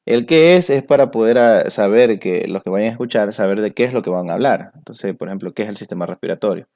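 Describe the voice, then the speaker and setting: A man's voice: lowish voice, fairly quick, a little mellow. A man teaching a computer class, explaining each step patiently. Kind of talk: screen-recorded software tutorial.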